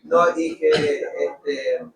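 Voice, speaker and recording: A man's voice: on the high side, flat delivery, extremely slow, vocal fry, reverberant, distant mic, rough recording. A man sharing about raising his young son, speaking hesitantly in a group talk.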